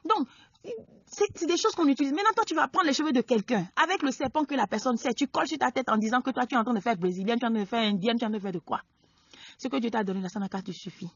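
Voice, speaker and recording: A woman preaching a sermon. She exhorts her listeners, swinging between loud emphatic peaks and low quiet asides. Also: very fast, no echo. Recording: dull lo-fi dry recording.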